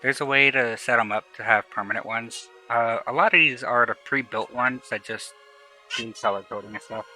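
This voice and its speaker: A man's voice: mid-range voice, moderate pace, bright, forceful tone, low-quality recording. A man with a lisp streaming from home, talking casually and rambling about his tech setup, swearing now and then. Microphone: new desk microphone. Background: faint music.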